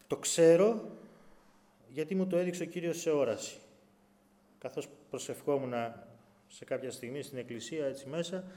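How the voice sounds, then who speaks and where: A man preaching a sermon to his congregation. His voice drops low and quiet, then rises loud, and he acts out pleas with a raised voice. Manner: dramatic swings between hushed and loud delivery.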